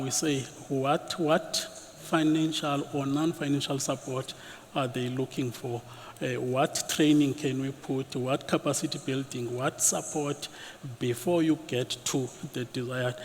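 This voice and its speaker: A man on a panel, answering questions about financing in a measured, explanatory way. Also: medium pitch. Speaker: development finance executive on a panel. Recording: echoey conference hall, faint noise.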